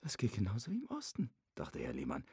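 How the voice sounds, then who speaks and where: A man narrates an audiobook in a low, wry and understated voice. His tone is husky and gravelly. The recording is close and dry, with no room sound. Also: wildly swooping pitch, fast, a little mellow, no echo. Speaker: audiobook reader.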